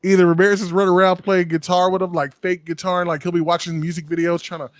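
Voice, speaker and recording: Sitting high in pitch, this man's voice is flat and quick as he co-hosts a podcast. He wanders through stories casually, swearing and using plenty of fillers. The sound is dry and studio quality.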